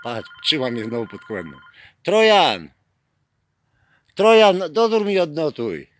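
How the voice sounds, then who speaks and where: A man films outside a police station at night and teases an officer with a theatrical, mocking tone. His voice sits a bit high and swings widely as he calls out and jokes. He talks loudly enough to be heard through a door. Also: very animated, dry recording, clean studio sound. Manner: teasing, theatrical, calls out names in drawn-out shouts. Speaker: vlogger filming a police station visit. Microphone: handheld camera.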